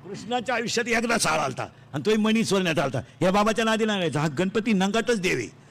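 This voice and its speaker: A man with a Marathi accent preaching a comic devotional sermon in a pavilion, loudly quizzing his listeners. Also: sits high, expressive, fast, vocal fry. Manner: loud, quizzing the audience, singsong mimicry. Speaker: kirtan preacher. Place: outdoor pavilion before a crowd. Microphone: stage microphone.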